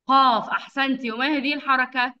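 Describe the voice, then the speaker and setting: A woman teaching young children over a video call, with patient, drawn-out enunciation and frequent praise. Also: high-pitched, fairly even intonation, sharp tone. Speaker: kindergarten teacher. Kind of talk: online phonics lesson for young children. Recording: dull lo-fi video call audio.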